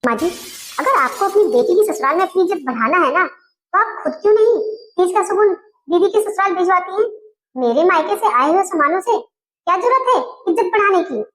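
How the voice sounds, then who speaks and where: A woman's voice: extremely high pitch, expressive, fairly quick, fairly bright tone. A woman playing an outspoken young wife who firmly scolds her in-laws, in a comedy skit. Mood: defiant. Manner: firm, indignant, scolding.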